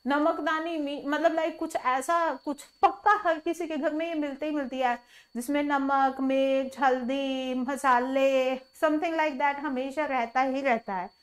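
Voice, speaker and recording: Chatty high-voiced woman teaching vocabulary. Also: steady tone, a little slow. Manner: chatty, asks the viewer questions and answers them herself; mixes Hindi with English words. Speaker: English teacher. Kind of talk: online vocabulary lesson.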